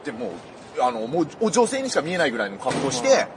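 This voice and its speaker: A male comedian co-hosting a casual radio chat, telling stories rowdily with coarse slang and loud outbursts. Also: on the high side, huge pitch swings, fast talker, noisy background. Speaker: comedian co-host.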